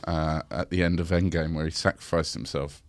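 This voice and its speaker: Deep-voiced wry man. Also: steady tone, a little fast, no echo. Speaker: podcast co-host. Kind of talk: casual comedy chat.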